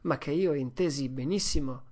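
A narrator giving a steady, expressive first-person reading of a classic adventure story as an audiobook. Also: medium pitch, moderate pace, a little hiss or hum.

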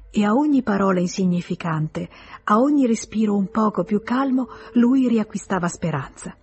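A woman narrating a literary audiobook in a measured, expressive storytelling manner. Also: mid-range voice, slightly rough.

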